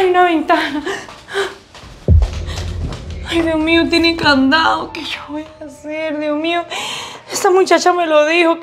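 A woman's voice: very high voice, a little hiss or hum. A woman acting in a scripted short drama, frightened and fretful.

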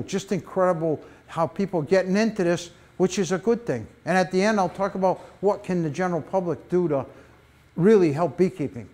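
An older man tells stories at a library beekeeping talk, his voice riding fairly high for a man. He is animated and folksy, full of asides to the room, and a lapel mic picks him up. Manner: animated storyteller, wide gestures, folksy asides. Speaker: beekeeping presenter. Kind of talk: public talk with slides.

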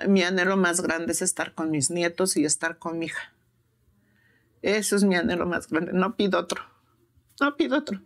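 An older woman with a Mexican accent, speaking plainly and insistently in an emotional interview, repeating herself for emphasis. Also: mid-range voice. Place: prison.

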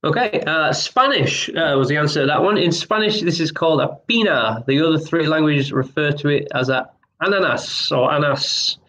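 A man hosting an online pub quiz, reading each question twice and chatting between rounds in a relaxed, apologetic way. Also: on the high side, fairly quick, low-quality recording. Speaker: quiz host.

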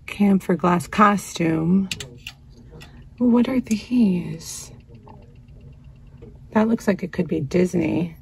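Slow, gravelly-voiced woman thrifting. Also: lowish voice, slight background noise. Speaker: vintage reseller vlogger. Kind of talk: casual thrifting narration. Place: inside a cluttered antique store.

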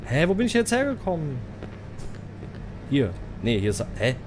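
A man giving live commentary on a horror game, swearing, ranting and yelling at the game. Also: a little high, huge pitch swings, normal speed, background noise. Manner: swears, rants and yells at the game. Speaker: streamer.

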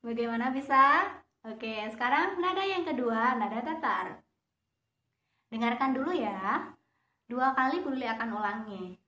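A woman's voice: on the high side, lively intonation, a little slow, long pauses, sharp tone, reverberant. A woman teaching Quran recitation to children, patient and encouraging, singing phrases for them to copy. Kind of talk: slow online lesson for children.

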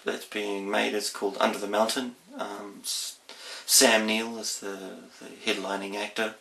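A man with a broad Kiwi accent rambles playfully to camera. His voice is bright and forceful with a gravelly fry, and the small room adds noticeable echo. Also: fairly low pitch, flat delivery, measured pace. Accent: broad New Zealand (Kiwi). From New Zealand. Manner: goofy, playful, repeating phrases. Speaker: vlogger, guest presenter. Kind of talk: casual rambling chat to camera. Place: small plain room indoors. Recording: roomy indoor echo.

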